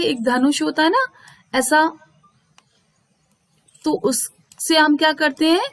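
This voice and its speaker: High-voiced woman teacher. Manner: mixes Hindi and English, reads English definitions slowly. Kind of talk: explaining a school English lesson.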